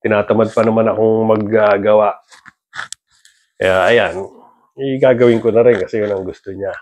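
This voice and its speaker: Teasing middle-aged dad vlogger. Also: male voice, fairly low pitch, steady tone, moderate pace, a little mellow, slight background noise, low-quality recording. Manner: teasing, playful, laughs often. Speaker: father and vlogger. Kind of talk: casual family vlog chat.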